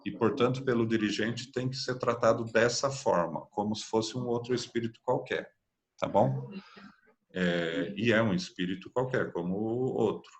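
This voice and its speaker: A man's voice: lowish voice, moderate pace. A man with a Brazilian Portuguese accent teaching an online spiritist course, explaining patiently and often checking in with tag questions. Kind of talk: online class lecture.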